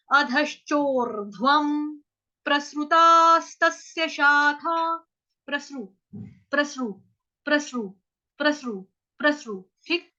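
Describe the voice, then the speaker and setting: A woman teaching verse pronunciation in an online class, patiently sounding out each syllable slowly. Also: high voice, sharp tone, muffled recording. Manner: patient, drawn-out syllable-by-syllable demonstration. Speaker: Sanskrit recitation teacher.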